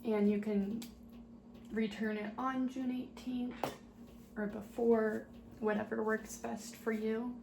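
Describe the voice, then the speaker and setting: A woman performs a soft-spoken ASMR role-play as a patient, helpful librarian at a checkout desk, gently and politely serving patrons with small murmured asides. Her voice is on the high side, flat and slow. The recording has roomy echo and clear background noise.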